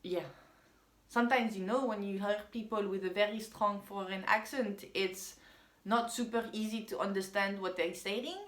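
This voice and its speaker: In an echoey room, a vlogger who first spoke French recounts a personal story in a casual, meandering way, often saying um. She talks at normal speed with a steady, fairly bright, medium-pitched voice.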